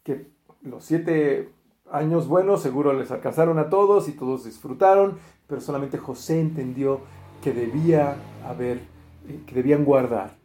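A man preaching a sermon, retelling a Bible story in a lively way and acting out the quoted speech, with frequent fillers and restarts. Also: mid-range voice, normal speed, echoey room, soft background music.

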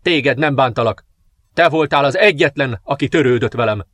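A man voicing a vengeful sixteen-year-old dark princess in an audiobook, proclaiming and cursing in a raised voice. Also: medium pitch, no room sound, natural voice. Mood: cold. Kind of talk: audiobook character reading.

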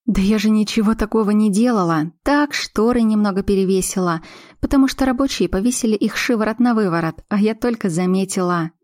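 A woman's voice: medium pitch, a little fast, dry recording, studio quality, close to an everyday voice. Woman playing a feisty pregnant young woman. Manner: sharp-tongued, bossy and playful.

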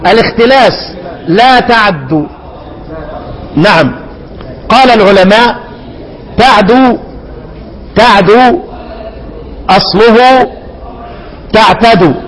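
A man with an Egyptian accent teaching a Quran readings class, asking his students questions and slowly chanting each example. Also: sits high, a bit bright, low-quality recording. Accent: Egyptian Arabic.

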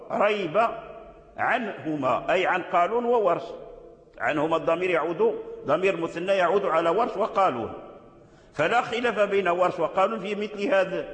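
A man teaching Quran recitation rules, explaining them slowly and deliberately and repeating key phrases. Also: high voice, a bit bright. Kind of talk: tajweed lesson explaining a didactic poem. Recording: echoey hall with long reverb.

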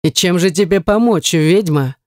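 A woman reading puts on a huge male dark god in a storybook. He speaks slowly, low and dark, with a menacing, mocking edge. The sound is close and dry. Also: dry recording, lightly acted.

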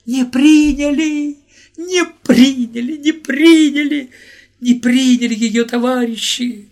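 A man voicing a distraught young driver who shouts in a high, sobbing voice. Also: steady tone, slow pace. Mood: wailing despair. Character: distraught young male truck driver, wailing.

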